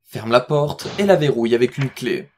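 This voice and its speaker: A man's voice: medium pitch, expressive, normal speed, darkish tone, slight background noise. A man narrating an audio drama from a script, describing scenes.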